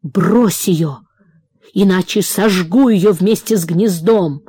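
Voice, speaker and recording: A woman's voice: fairly low pitch, takes it slowly, dark tone, breathy edge, dry recording, clean studio sound. A woman doing a desperate young son. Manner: pleading, crying out.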